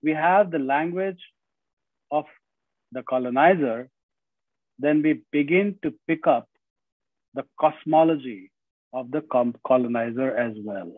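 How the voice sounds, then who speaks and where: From a home room, a middle-aged guest speaker with an Indian accent gives an earnest lecture over a video call using earbuds. His voice is medium in pitch and unhurried, with frequent pauses; he often says "you know" and restarts his phrases. The recording is dry, with tinny video call audio.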